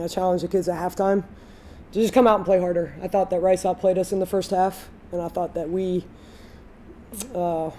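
A woman in her thirties, a head coach giving a candid postgame interview, speaking in a measured way with frequent fillers. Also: lowish voice, mellow. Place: studio backdrop, indoors.

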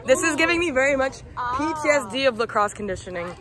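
A young woman with a hoarse, worn voice, wry and self-deprecating on a school tour vlog. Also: sits high, lively intonation, fast talker, crowd noise. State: hoarse, lost her voice. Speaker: graduating senior on a school tour. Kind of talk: casual vlog chat. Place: school campus, outdoors.

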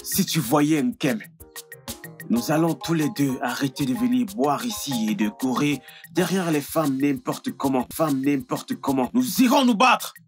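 A man's voice: medium pitch, unhurried. A man dubbing, in French, the role of an idle young villager who gossips and chases women. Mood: excited. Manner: excitable and gossipy. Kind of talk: French film dub. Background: background music.

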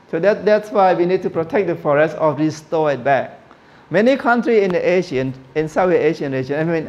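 A man's voice: a little high, highs cut off. A middle-aged man from Cambodia giving an informal classroom lecture into a handheld mic, often restarting and correcting himself and putting questions to the audience. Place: lecture room with projector screen.

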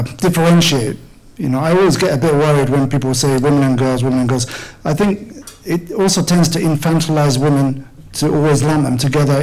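Man, middle-aged, slightly high voice, measured, throat-clearing, table mic, conference hall. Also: darkish tone. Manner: measured, restarts phrases, clears throat often. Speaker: panelist. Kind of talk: panel discussion answer. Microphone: table microphone.

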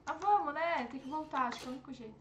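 A young woman, streaming herself playing a game and reacting with excitable, panicky outbursts. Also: sits high, racing, noisy background. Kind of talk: live gameplay commentary.

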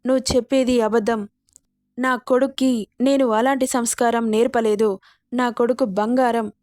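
A woman's voice: on the high side, steady tone, moderate pace, darkish tone, no echo, clean studio sound, natural voice. A woman voicing a protective middle-aged mother who scolds in an indignant way in a storybook reading. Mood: scolding, indignant. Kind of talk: storybook narration.

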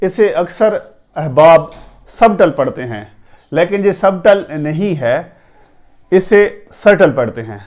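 A man with a slightly high voice gives an Urdu-language lesson on English pronunciation. He spells each word out letter by letter and says it again and again. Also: lively intonation, darkish tone. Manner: spells words letter by letter and repeats them.

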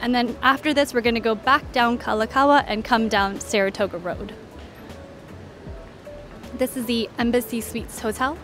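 With a somewhat high, a bit bright voice, a travel guide and vlog host narrates a walking tour at normal speed, pausing often and keeping a steady tone. She's conversational and informative, pointing out sights one after another in order, with faint music behind her.

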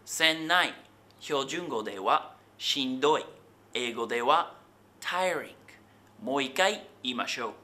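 A man's voice: mid-range voice, lively intonation, unhurried, sharp tone, faint music behind. A man teaching local dialect phrases in a comic lesson, drilling each phrase with a cheerful repeat.

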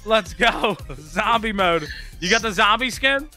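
A man streaming a game live, talking to his chat and friends in excited, hyped-up commentary. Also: high-pitched, measured pace, soft background music.

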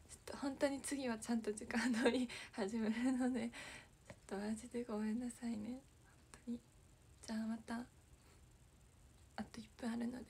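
High-voiced young woman chatting on a livestream. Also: darkish tone. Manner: chatty, apologetic, laughs often, reads viewer comments. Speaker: idol livestreamer. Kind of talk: casual livestream chat. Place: small room with echo.

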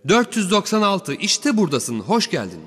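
A man voicing a hunched, gleeful old man with a wheezy, raspy voice in an audiobook story. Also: high-pitched, sing-song, moderate pace, fairly bright tone, big-room sound, voice pushed up, full character voice. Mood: welcoming.

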